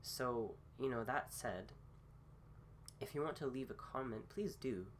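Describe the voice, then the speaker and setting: A host speaks in a man's mid-range voice at a slow pace, leading a relaxed philosophy talk while still a little rough from a cold he is recovering from. He hesitates a lot, using ums and restarting phrases. A faint hum can be heard in the background.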